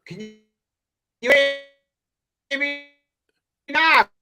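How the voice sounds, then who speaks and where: A man's voice: extremely high pitch, extremely slow, pushed and bright, faint music behind. A man on a livestream call whose audio keeps breaking up, confused and asking if he can be heard. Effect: choppy, breaking-up online call audio. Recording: distant cutting-out call line.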